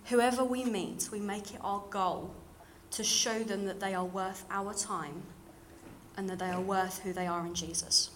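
A woman's voice: medium pitch, steady tone, measured pace, fairly bright tone. Young British woman, slightly RP, with background noise. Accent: modern British, slightly RP, London. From London, England. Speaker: church member giving a testimony talk. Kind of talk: personal testimony talk to a church congregation. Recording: clear background noise and room ambience.

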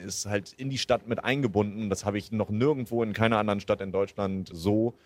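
Man from bremen, thirties, low voice, dry sound, casual interview, chatty with fillers. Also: fairly even intonation, a little fast, no room sound. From Bremen, Germany. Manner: chatty, many fillers and restarts. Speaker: interviewee, football fan. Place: outdoors at a stadium.

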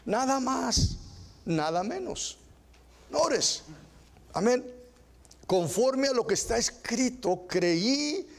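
High-voiced preaching pastor, emphatic repeats. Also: male voice. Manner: switches between Spanish and English, repeats phrases for emphasis. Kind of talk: bilingual sermon.

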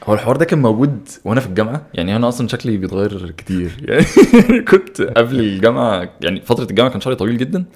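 A man's voice: mid-range voice, big pitch swings, rapid-fire, hardly any pauses, darkish tone. A man with an Egyptian Arabic accent chatting casually as a guest, easygoing and dropping in English words. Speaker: podcast guest, travel vlogger. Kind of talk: casual chat.

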